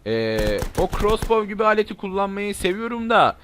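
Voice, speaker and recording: A young man giving casual let's-play commentary, chatting to viewers and shouting and cursing excitedly during fights. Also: high voice, normal speed, background noise. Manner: excitable, shouts and curses at zombies. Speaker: gaming YouTuber.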